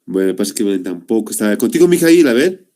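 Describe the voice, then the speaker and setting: Speaking at a quick pace, a young man teaches an online class over a video call in a low-leaning, warm voice with big pitch swings. His explanations are patient, punctuated by "¿no?" after each point and a repeated "muy bien."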